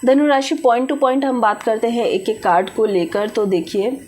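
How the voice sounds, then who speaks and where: A woman's voice: on the high side, measured pace, darkish tone. A woman reading tarot for viewers, giving direct advice and mixing English words into Hindi. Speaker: tarot reader.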